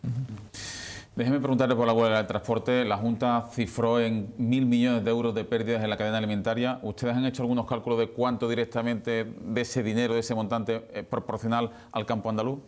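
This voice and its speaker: A man's voice: medium pitch, level tone, fairly quick, darkish tone. A man working as an interviewer, putting formal questions in a broadcast interview.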